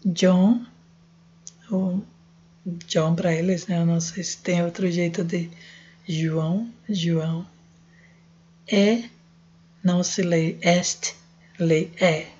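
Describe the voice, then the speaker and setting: A woman's voice: lowish voice, steady tone, slow, pauses often, a little mellow, husky, dull audio. A woman with a Brazilian Portuguese accent giving a casual French lesson, spelling out letters and sounds. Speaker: language teacher.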